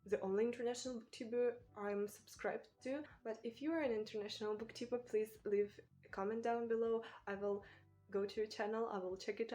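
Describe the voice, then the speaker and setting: A woman from Ukraine with a Ukrainian accent, a native Ukrainian speaker, talking casually to camera as a booktuber in a thoughtful, halting way. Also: medium pitch. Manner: thoughtful, halting, with small restarts and soft laughs. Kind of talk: casual vlog talk to camera.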